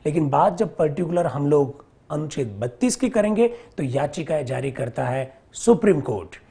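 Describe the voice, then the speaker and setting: Man, lecturing teacher, slightly husky, drills terms by repetition and rhetorical questions. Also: a little high, expressive, dark tone. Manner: repeats key terms slowly, asks and answers his own questions. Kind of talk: exam-prep polity lecture.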